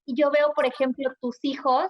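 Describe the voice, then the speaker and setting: A woman hosting a show, speaking in an effusive, warm way. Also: high-pitched, level tone, normal speed. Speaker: host. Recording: dull lo-fi sound.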